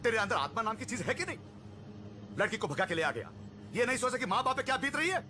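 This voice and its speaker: A man's voice: very high voice, big pitch swings, fast talker, pushed and bright, soft background music, exaggerated voice. An actor playing an indignant man who scolds a runaway couple for hurting the girl's parents. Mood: angry. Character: indignant male stranger lecturing on morals. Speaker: stranger scolding the eloping couple. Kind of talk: Hindi film acting.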